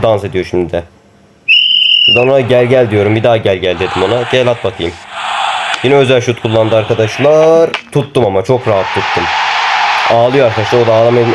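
A young man commenting on a mobile football game he plays, excitable and teasing his opponents as he talks to viewers. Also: mid-range voice, background noise. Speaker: gaming YouTuber.

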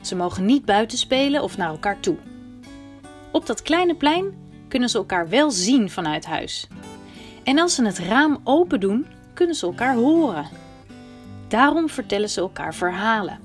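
A woman's voice: fairly high pitch, very animated, normal speed, long pauses. A woman presenter introducing a children's story series in scripted narration. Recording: soft guitar music behind.

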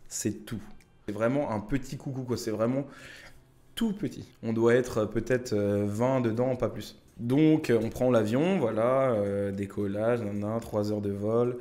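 A man's voice: mid-range voice, measured pace, warm tone. A young man casually telling travel anecdotes to camera, chatty and full of fillers, speaking straight to his viewers. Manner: chatty, many fillers, addresses viewers directly.

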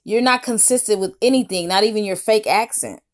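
A woman talking with open scorn as she comments on clips, her voice pitched in an ordinary middle range. She lectures and mocks in a steady stream of reaction commentary. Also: brisk. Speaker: YouTube commentator.

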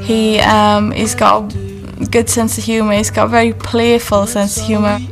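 A woman's voice: mid-range voice, monotone, normal speed, over music. A woman chatting casually and hesitantly in an interview.

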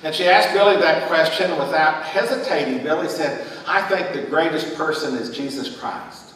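A middle-aged man, a pastor, telling a story in a sermon with animated gestures in a large church sanctuary. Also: on the high side, moderate pace, slight background noise. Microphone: distant room mic. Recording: echoey sanctuary from far off.

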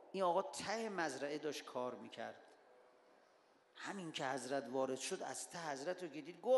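A man's voice: medium pitch, gravelly, slight background noise. A man preaching a sermon from the pulpit, telling stories and rising to emphatic exhortation. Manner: narrates stories, then builds to emphatic exhortation. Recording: echoey hall with faint ambience.

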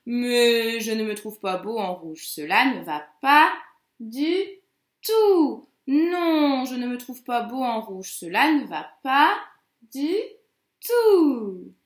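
A woman's voice: on the high side, expressive, slow pace. A woman voicing a grumpy male storybook wolf who hates Christmas, exclaiming in indignation. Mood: dismayed. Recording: roomy echo.

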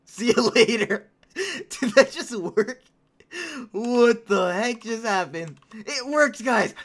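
A late-teen woman hosts a gaming channel, giving casual gameplay commentary that's chatty, excitable, and drifts from topic to topic. Her voice is a little high and slightly hoarse.

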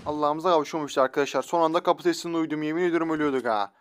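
Young guy doing chatty game commentary, teasing enemies, kinda high voice. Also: racing, smooth. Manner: playful, teasing opponents, slangy. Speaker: gaming YouTuber.

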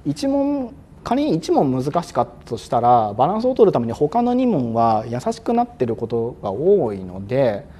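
A male exam prep instructor giving a lecture, speaking crisply and a bit loudly on purpose, with frequent fillers, sometimes acting out examiners. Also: mid-range voice, wildly swooping pitch, moderate pace. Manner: acts out examiners and exam-day self-talk.

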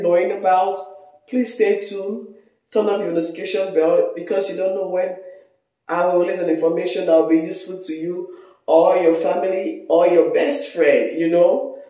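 A woman in her thirties with a Nigerian accent, chatting casually on her vlog, hoarse, congested and tired. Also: on the low side, warm tone. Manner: chatty, rambling. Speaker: vlogger. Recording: very echoey room.

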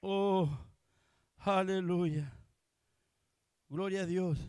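A man preaching with a strikingly high-pitched voice. He swings from shouted proclamations to quiet, intimate asides and hammers phrases through repetition. The sound is dry and close, with no room echo. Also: steady tone, drawn-out words, smooth. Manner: repeats phrases for emphasis. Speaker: pastor. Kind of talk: Pentecostal-style sermon.

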